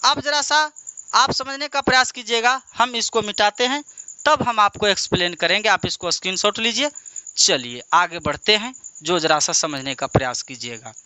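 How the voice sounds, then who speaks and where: A man's voice: high-pitched, bright, forceful tone, clear, resonant tone, dry recording. A male teacher giving a lesson at a board. He patiently repeats each answer back as a question and encourages his students.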